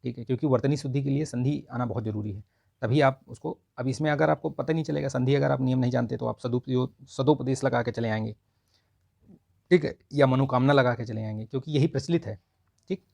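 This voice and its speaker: Male tutor, husky and gravelly, casual and explanatory, dry close recording. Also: mid-range voice, fairly quick, a little mellow, dry recording. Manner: explains answer by answer, says 'ठीक है' often. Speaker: Hindi exam tutor. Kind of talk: casual spoken lesson.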